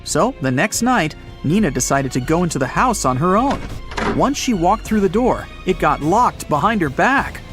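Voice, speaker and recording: Male narrator for riddle stories, slightly high voice, very animated delivery. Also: normal speed, music in the background.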